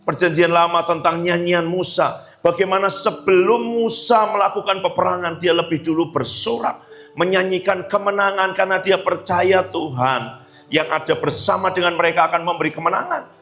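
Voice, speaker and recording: Fervent high-voiced male preacher. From Indonesia. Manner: reads scripture then preaches with rising fervor, shouting at peaks. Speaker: pastor. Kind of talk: sermon.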